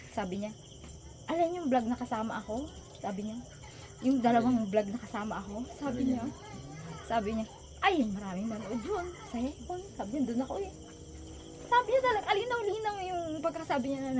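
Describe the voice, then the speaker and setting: A woman telling a personal story in a soft, halting voice, close to tears. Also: a little high, noisy background. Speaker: vlogger and co-host.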